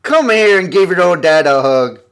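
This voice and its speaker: A man voicing a ranting old father, loud and scandalized. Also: high voice, animated, normal speed, clear, resonant tone, pitched above the performer's own voice. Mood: relieved.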